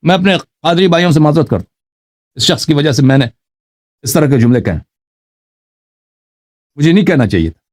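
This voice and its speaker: A man with a high, lively voice argues forcefully as host of a live debate. He repeats his points and talks over the other side, with his pitch swinging widely as he presses on. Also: pauses often. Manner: emphatic, repeats himself, talks over the caller.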